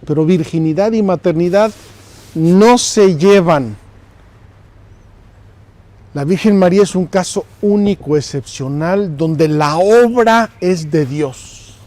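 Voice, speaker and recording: Slow, mellow preacher. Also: male voice, fairly high pitch. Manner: earnest, emphatic, repeating phrases. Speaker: priest. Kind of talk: sermon. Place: pilgrimage site.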